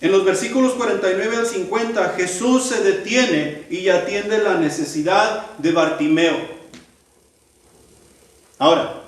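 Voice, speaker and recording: High-voiced preacher in an echoey hall. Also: male voice, unhurried. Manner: asks the congregation rhetorical questions, acts out quoted cries. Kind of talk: sermon. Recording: echoey hall, voice from far off the mic.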